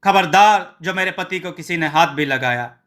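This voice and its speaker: A man voicing a sharp-tongued village wife who scolds her husband in an exasperated, shrill way. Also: moderate pace, close to an everyday voice. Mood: defiant.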